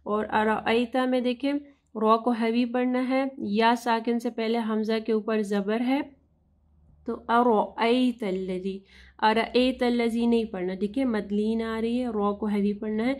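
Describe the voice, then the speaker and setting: Woman, recitation teacher; high-ish, even delivery, slow drawn-out phrases, patient corrections. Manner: slow, deliberate, drawn-out recitation between short explanations. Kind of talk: tajweed lesson.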